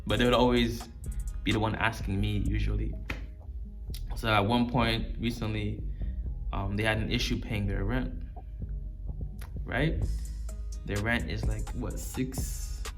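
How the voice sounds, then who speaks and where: A man's voice: on the low side, fairly even intonation, unhurried, pauses often. Slangy man chatting casually over music. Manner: slangy street talk, informal. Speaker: video channel host. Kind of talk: casual off-the-cuff talk to camera.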